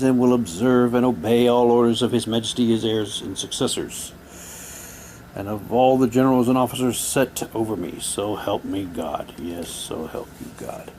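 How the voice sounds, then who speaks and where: A man with a medium-pitched, darkish voice unboxes mail-order radio drama props in a casual review, reading documents aloud and musing to himself. The low-quality recording carries clear background noise and room ambience.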